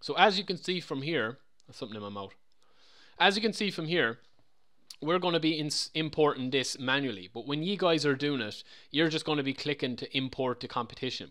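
Brief: casual male tutorial presenter, mid-pitch, loose and repetitive delivery. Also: fairly bright tone. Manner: chatty, loose, repeats himself. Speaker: game modding tutorial presenter. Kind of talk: casual screen-recorded tutorial.

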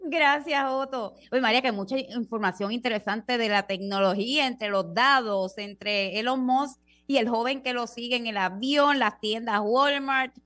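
A woman's voice: a little high, moderate pace, a bit bright. A woman hosting a radio program, talking in a casual, exclamatory way. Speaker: radio show host.

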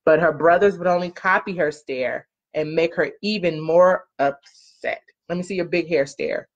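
A woman with a fairly low voice reads a picture book to children at normal speed, sitting on a couch in a small living room. She reads expressively like a parent, drawing out key words and prompting the kids with questions, and the muffled, lo-fi audio comes from a webcam or laptop mic at arm's length.

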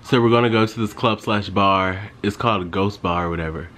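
A man's voice: fairly low pitch, brisk, bright, forceful tone. A young man vlogging in a casual, rambling way, telling stories to his viewers with lots of "like" and asides. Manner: rambling, chatty storytelling with frequent "like". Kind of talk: casual vlog chat. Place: in his car, then at home.

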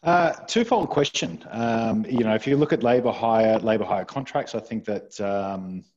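Husky low-voiced man on a call. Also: normal speed, darkish tone, highs cut off. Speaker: recruitment sales manager. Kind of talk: webinar panel discussion.

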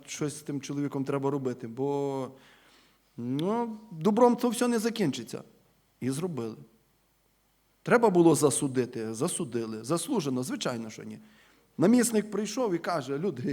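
Emphatic male preacher in a church. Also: fairly high pitch. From Ukraine. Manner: emphatic, rhetorical questions, swings between loud stresses and quiet falling endings; addresses listeners as brothers and sisters. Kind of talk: sermon.

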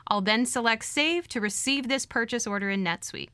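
Bright, dry-voiced woman narrating a software demo. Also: on the high side, normal speed, no echo. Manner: even, clear instructional delivery. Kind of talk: scripted product walkthrough narration.

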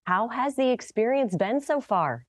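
A woman's voice: on the high side, very animated, unhurried, no room sound, clean studio sound. An American woman presenting and interviewing in a morning television news style.

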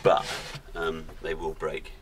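A man's voice: a bass voice, completely flat delivery, slow pace. A middle-aged man casually showing off a homemade box on his sailboat, hesitant with many ums and restarts. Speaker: sailing vlogger. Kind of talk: casual show-and-tell. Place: outdoors on a moored sailboat. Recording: loud background noise outdoors.

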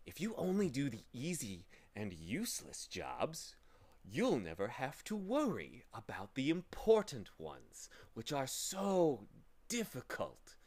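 Guy doing a menacing storybook demon, sly and gloating, slow drawn out words, swoops all over. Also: medium pitch, huge pitch swings, a little mellow, pitched above the performer's own voice, exaggerated voice. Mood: sly coaxing. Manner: theatrical, menacing, falsely coaxing. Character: villainous, faceless male demon of petty tasks, sour and gloating. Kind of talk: storybook character voice.

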